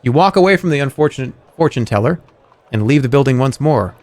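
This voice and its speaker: Animated man streaming a game. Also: medium pitch, fast talker. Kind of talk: reading game narration aloud, playful livestream.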